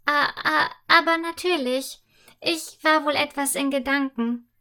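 A woman's voice: high voice, lively intonation, very slow, fairly bright tone, heavily acted. A woman voicing a shy young maid girl who stammers when unsure, in a storybook. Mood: shy delight.

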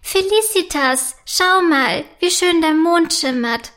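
A woman voicing a lively, caring young princess in a children's story, with a bright, lively voice. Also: very high voice, slow, pitched above the performer's own voice, heavily acted.

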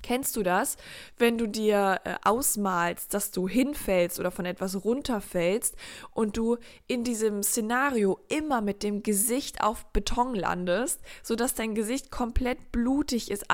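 A woman giving a motivational monologue in a casual, direct way, asking the listener questions and acting out inner voices. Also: medium pitch. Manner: acts out inner voices and quotes; casual slang. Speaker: motivational speaker.

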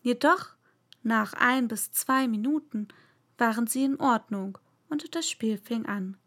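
A woman narrating a classic children's storybook aloud in a slow, even reading voice. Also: fairly high pitch.

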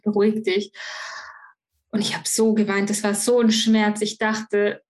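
A woman's voice: mid-range voice, completely flat delivery, moderate pace. A young woman telling her personal story frankly and with emotion as a podcast guest, often restarting her sentences. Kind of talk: personal interview conversation.

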